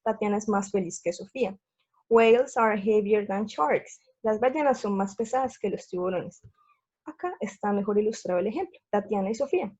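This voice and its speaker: A female English teacher walks viewers through a grammar lesson over slides, explaining each step patiently and repeating steps. She checks in often with "¿sí?" and "listo." Her mid-range voice is expressive, brisk, mellow and husky, though the recording sounds dull and lo-fi.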